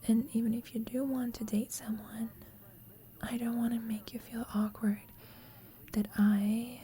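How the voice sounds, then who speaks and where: Soft and breathy, a woman whispers as a shy, insecure, lovestruck young female student confessing to her roommate in an intimate ASMR roleplay. Fairly high with little pitch movement, her mellow, tender voice stays close to an everyday one. Slow, hesitant and confiding, she sounds shy and uncertain.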